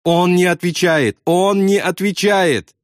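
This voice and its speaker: A man voicing a panicky young male pilot who wails and pleads in a high, strained voice. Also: sing-song, moderate pace, no echo, studio quality. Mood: sobbing panic. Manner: pleading, wailing, high-strung.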